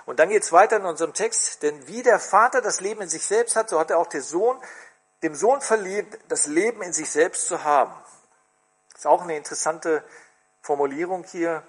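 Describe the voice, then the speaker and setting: A man's voice: high-pitched, moderate pace, slightly rough. A man preaching a sermon in church, asking the congregation questions and reading scripture with expression.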